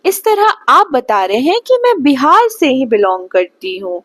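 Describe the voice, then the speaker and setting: A young woman from Bihar gives a spoken English lesson in a slightly high voice. She talks slowly and patiently, with a lively rise and fall, and stops often to check that the listener follows. The sound is close and dry. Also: dry recording. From Bihar, India. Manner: slow, patient teaching, checks understanding often. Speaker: English tutor.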